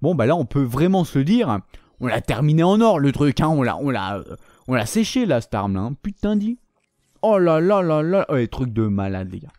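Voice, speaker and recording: A man commentating his own shooter gameplay, excitable and swearing often, shouting at opponents. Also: mid-range voice, brisk, no echo, studio quality. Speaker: gaming YouTuber.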